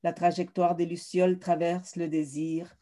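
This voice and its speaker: Flat, mellow-voiced woman reading poetry. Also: fairly low pitch, normal speed. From South America. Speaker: poet.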